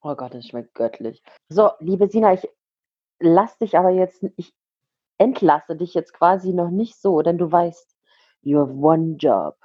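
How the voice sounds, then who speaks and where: Giggly, husky woman chatting on a call. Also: lowish voice, expressive, measured pace, dry recording, lo-fi sound. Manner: giggly, chatty, playful teasing. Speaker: podcast co-host. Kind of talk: casual chat over video call. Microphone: video call.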